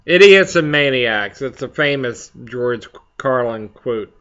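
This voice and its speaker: A man hosting a casual, rambling chat for viewers, speaking haltingly as he searches for his words. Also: medium pitch, lively intonation, fairly bright tone, clean tone, dull audio. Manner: halting, slow to find words. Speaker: pipe hobby video host.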